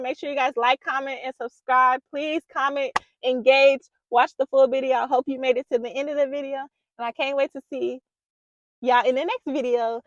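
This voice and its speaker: A woman's voice: sits high, no room sound, lo-fi sound. A young woman giving relationship advice to camera, emphatic and preachy, repeating herself for emphasis, recorded close on a microphone at home. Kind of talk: casual advice talk to camera. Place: small room at home.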